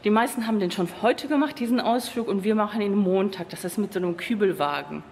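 Speaking fast in a medium-pitched, somewhat dark voice, this woman in her thirties is a travel vlogger talking to a handheld camera at arm's length, with slight noise in the background. Tired from the muggy heat, she wanders a little in her casual chat, filmed in a hotel lobby and out on the street. "Genau" and the tag "ne?" come up again and again.

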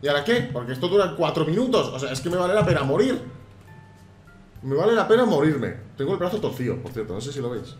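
Man, casual gaming commentary, animated, shouted exclamations, roomy sound. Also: fairly high pitch, quick pace. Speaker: gaming YouTuber. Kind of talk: casual let's-play commentary. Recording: roomy sound with faint game music.

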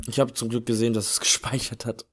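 A man's voice: medium pitch, little pitch movement, quick pace. A man hosting a let's play, giving casual, colloquial gameplay commentary with grumbling reactions. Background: game music.

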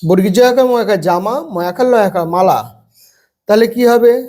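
A man teaching young children to read, spelling words letter by letter and then saying them slowly and drawn out. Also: high-pitched, warm tone.

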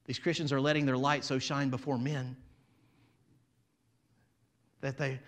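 A man preaching an animated sermon as pastor, swinging from loud to quiet and acting out crowd voices. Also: mid-range voice, a little slow.

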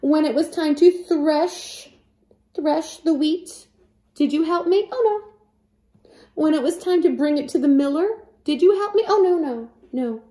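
A hardworking little hen, firm and fed up, scolding her idle friends in a storybook reading, as a woman puts her on. The voice is slow, soft and mellow, set a little high, and rings in an echoey room. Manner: scolding, repeating questions with emphasis.

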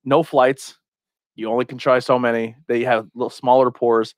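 In a small curtained room, a podcast host from Pennsylvania, US, uses a podcast mic and headphones to tell rambling, profanity-filled anecdotes in relaxed conversation. His mid-range voice moves little in pitch and keeps a moderate pace. The sound is studio quality with no room sound.

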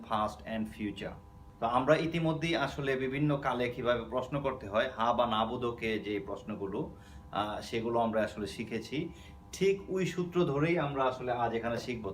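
A man's voice: medium pitch, a little hiss or hum. A man with a Bangladeshi accent teaching an English lesson, explaining patiently and checking in with his students. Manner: explains patiently, repeating words and asking "okay?". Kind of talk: spoken language lesson.

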